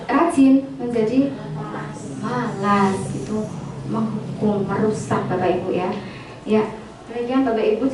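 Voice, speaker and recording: A woman's voice: fairly high pitch, darkish tone, slight background noise. A middle-aged woman teacher giving a spoken presentation to fellow teachers, often turning to her listeners. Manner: addresses listeners often, acts out short example scolding lines. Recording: echoey room, from far off.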